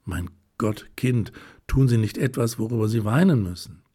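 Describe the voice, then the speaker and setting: A man voicing an earnest, troubled male admirer who speaks in an urgent, pleading way, with a low, mellow voice. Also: moderate pace, husky.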